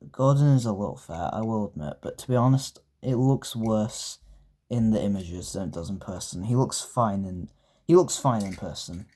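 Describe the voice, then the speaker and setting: A man's voice: lowish voice, dark tone. A young man, casually reviewing toy trains, rambling and gushing with lots of fillers and restarts. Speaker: toy collector reviewing die-cast trains.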